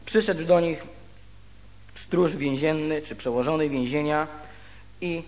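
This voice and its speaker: A man preaching a sermon. He reads scripture aloud and then explains it slowly, with pauses. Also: a little high, darkish tone. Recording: reverberant hall.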